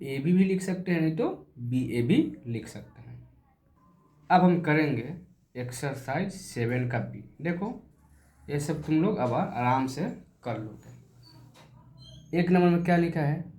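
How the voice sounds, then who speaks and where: A man teaching a primary school maths lesson, slowly repeating points and asking questions he answers himself. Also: medium pitch, darkish tone. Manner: slow, repetitive, asks and answers his own questions. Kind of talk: classroom video lesson. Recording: echoey room.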